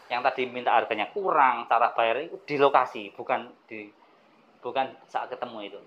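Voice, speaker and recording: A man's voice: mid-range voice, a little fast. Male seminar trainer, chatty, muffled lo-fi recording. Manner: chatty, acts out sales dialogues. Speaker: property marketing trainer. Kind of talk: casual seminar teaching.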